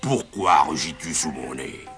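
A man voicing a proud, touchy male tiger with a low growling grumble in a storybook tale. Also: animated, unhurried, fairly bright tone, soft background music, heavily acted. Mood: grumbling.

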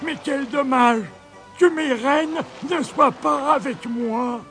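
Man voicing a squeaky, gleeful Père Noël. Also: a bit bright, faint music behind, exaggerated voice. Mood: wistful. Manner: high, drawn-out, gleeful exclamations. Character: jolly merry Father Christmas, old man.

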